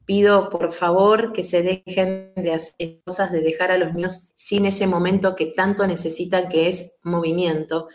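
An earnest woman with a Rioplatense Spanish accent talks things through as an interview guest. She explains at length in a relaxed conversational way and now and then acts out the voices she quotes. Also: fairly low pitch, normal speed, few pauses. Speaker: guest speaking on child rearing.

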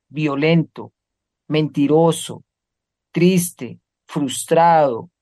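A man gives an earnest spiritual talk as a guest, asking rhetorical questions and listing words one by one. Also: a little high. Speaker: guest speaker.

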